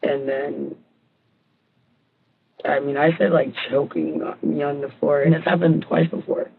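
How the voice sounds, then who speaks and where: A woman giving a halting, rambling statement in a police interview, recorded on a tinny line. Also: deep voice, steady tone, gravelly, a little hiss or hum. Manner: halting, rambling, filler-heavy.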